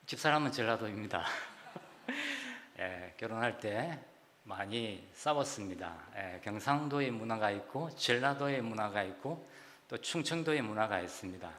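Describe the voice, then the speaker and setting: A middle-aged man from Gyeongsang with a Gyeongsang accent, preaching a sermon in a church and chatting warmly, often saying "ye" between phrases. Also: fairly low pitch, expressive, moderate pace. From South Gyeongsang, Korea. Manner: warm, chatty preaching with frequent "ye" fillers. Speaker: pastor. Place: church sanctuary. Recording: long hall reverb.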